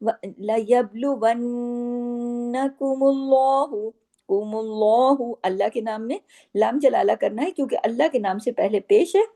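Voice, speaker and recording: A woman teaching Quran recitation, patiently explaining each rule and repeating words slowly. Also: a little high, animated, creaky, dark tone, breathy edge. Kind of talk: slow tajweed lesson with recited phrases.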